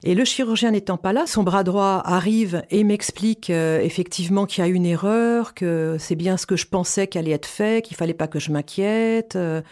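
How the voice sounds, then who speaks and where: A woman's voice: medium pitch, normal speed, few pauses, a little mellow. A woman in her fifties candidly recounting her experience as a patient, in an earnest personal testimony. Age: 50s. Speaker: patient sharing her cancer story.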